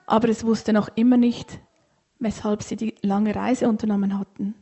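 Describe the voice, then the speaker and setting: A woman reading a children's story aloud in a gentle, unhurried way. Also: medium pitch, level tone, breathy edge.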